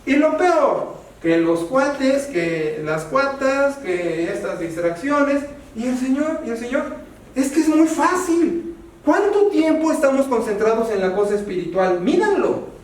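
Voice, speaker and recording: A Mexican pastor preaches in a high, lively voice, swinging between sharp exclamations and low, quiet asides. He sounds set back from the mic. The sound rings with the heavy echo of a large church hall. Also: slow pace. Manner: animated preaching, rising to exclaim and dropping low. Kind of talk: sermon. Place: church sanctuary. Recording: echoey church hall from a distance.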